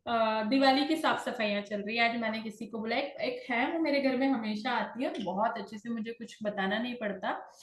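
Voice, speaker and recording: A woman telling a personal story to her class in a calm, conversational way. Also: a little high, moderate pace, reverberant. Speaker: class leader.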